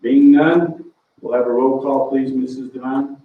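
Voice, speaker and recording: A man chairing a public board meeting, a bit out of breath, relaxed and halting with fillers. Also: mid-range voice. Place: council meeting room. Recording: distant, roomy, tinny phone-like audio.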